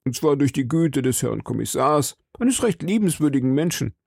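A man voicing a timid, frightened shopkeeper who pleads anxiously in a raised, higher voice. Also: very animated, moderate pace, vocal fry, darkish tone, breathy edge, dry recording, studio quality, heavily acted.

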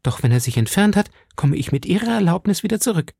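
A cold, cunning noblewoman, read by a man in an audiobook, low and measured with a probing edge. The tone is dark and mellow, the phrasing lively in its rise and fall. It sits dry and close to the mic. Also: gravelly, breathy edge, no room sound, heavily acted. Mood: guarded. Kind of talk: audiobook reading.

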